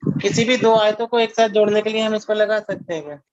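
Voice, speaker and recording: A man's voice: high voice, fairly even intonation, fast, no echo, lo-fi sound. A man asking his teacher questions in an online class, polite and a little hesitant. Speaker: student.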